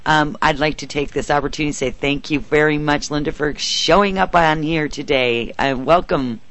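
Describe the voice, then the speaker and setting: A woman's voice: deep voice, moderate pace, fairly bright tone. A woman presenting a radio talk show in an effusive, welcoming manner.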